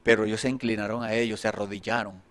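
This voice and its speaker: A man preaching a sermon, reading scripture aloud with force and then explaining it more quietly, with pauses and fillers. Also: lowish voice, level tone.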